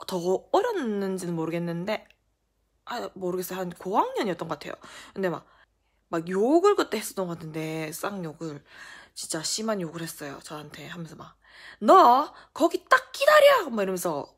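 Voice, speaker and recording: Animated young woman vlogger. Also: fairly low pitch, brisk, slightly rough. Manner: animated, lots of fillers. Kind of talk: casual storytime.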